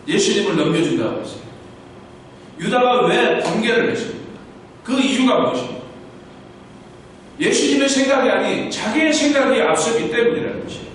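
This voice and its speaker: Echoey preaching man, high and lively. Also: slight background noise. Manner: rhetorical questions answered himself, preaching steadily. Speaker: pastor. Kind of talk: sermon. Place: church sanctuary. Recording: echoey church hall, mic far off.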